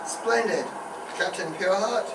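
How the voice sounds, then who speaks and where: Blustering shady military major played by a man, high-pitched, distant roomy stage recording, radio comedy. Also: measured pace, background noise. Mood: commanding. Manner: pompous, blustering. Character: Major Bloodnok, pompous male British military officer, shady and blustering.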